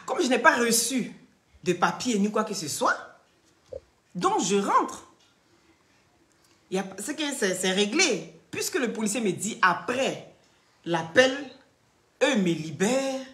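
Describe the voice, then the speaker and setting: A woman's voice: medium pitch, a bit bright, roomy sound. A young woman, telling a story on a casual live stream. She acts out both sides of the dialogue and keeps checking in with her listeners.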